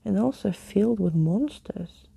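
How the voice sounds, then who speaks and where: Female reader as theatrical male skeleton adventurer for a storybook: very creaky, soft dark tone, florid old-world flourish. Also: medium pitch, lively intonation, a little slow, dry recording, exaggerated voice. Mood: apologetic, earnest. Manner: florid, exclamatory, old-fashioned wording.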